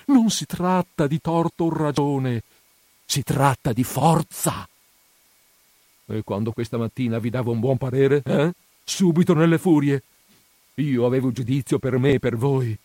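A man reading aloud voices a timid, frightened middle-aged village priest who pleads in a high, quavering voice and drags out his words. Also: unhurried, a little mellow, dry recording, close to an everyday voice. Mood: indignant scolding.

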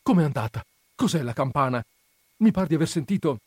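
A man's voice: fairly high pitch, lively intonation, a little fast, a little mellow, slightly rough, no echo, clean studio sound, pitched above the performer's own voice. A man voicing a fretful, scheming village mother who mutters anxiously to herself. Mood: breathless.

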